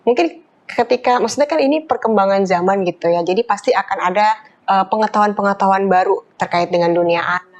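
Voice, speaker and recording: A woman's voice: mid-range voice, fairly quick, muffled recording. A woman guest on a health talk show, explaining things at length with many fillers and acting out the remarks people make.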